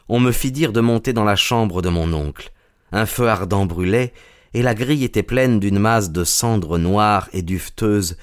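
A man narrating an audiobook story in the first person, with a measured, dramatic reading. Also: fairly low pitch.

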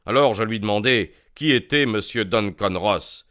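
A man's voice: on the low side, normal speed, a bit bright, smooth, close to an everyday voice. A man voicing a bewildered, aggrieved middle-aged client in an audiobook, earnest and plain. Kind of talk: audiobook character voice.

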